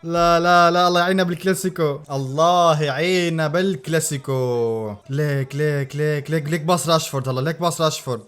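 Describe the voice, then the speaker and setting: A man reacting live to a football match, excitable and full of repeated exclamations. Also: on the high side, fast, clear, resonant tone.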